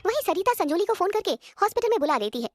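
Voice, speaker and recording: A woman reads the narration of an animated family drama in a brisk, plain manner. Her voice is very high and she keeps a quick pace. A faint hiss sits under the recording. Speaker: storyteller. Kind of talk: scripted narration.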